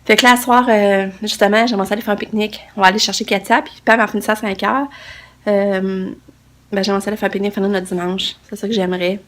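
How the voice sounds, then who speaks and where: Tired and nasal with a cold, the young woman speaks fast and flat in a mid-range voice, vlogging casually into a handheld phone camera with her Québécois French accent. Fillers and restarts fill her rambling chat, over a little hiss or hum.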